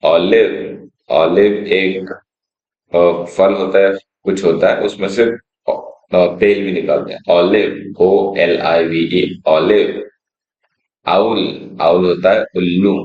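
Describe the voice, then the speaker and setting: Speaking in a low, steady voice, this man patiently walks children through phonics, spelling words out slowly one letter at a time and then explaining them in Hindi. He frequently asks "theek hai" to check they're following. The sound is roomy and a bit dull.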